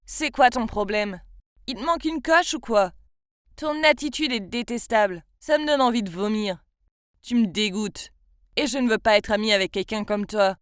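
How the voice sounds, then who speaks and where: This is a protective preteen boy from a storybook with a blunt, no-nonsense way of talking, as a woman reads his lines. The voice sits fairly high. The sound is dry and close. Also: normal speed, smooth, dry recording, natural voice. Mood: scolding.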